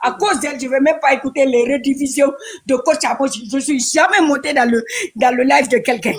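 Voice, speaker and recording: A woman with a high voice rants into her phone during a live stream, out of breath and worked up. She keeps repeating rallying calls in a pleading, impassioned way. The phone mic keeps the sound close and direct. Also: a little fast. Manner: pleading, fired-up, repetitive rallying.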